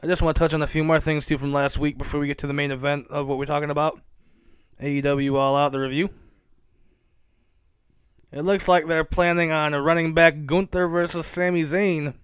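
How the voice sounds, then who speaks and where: A man's voice: fairly high pitch, fairly even intonation, a little fast, smooth, no echo, clean studio sound. A man hosting a casual solo commentary podcast, rambling, cursing and correcting himself as he goes. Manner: rambling, self-correcting and profane. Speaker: podcast host.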